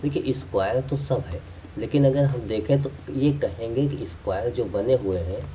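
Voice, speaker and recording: Male math teacher, mellow voice, distant mic, faint background hum. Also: medium pitch, moderate pace. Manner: explains step by step while drawing, repeats key points. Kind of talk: classroom explanation.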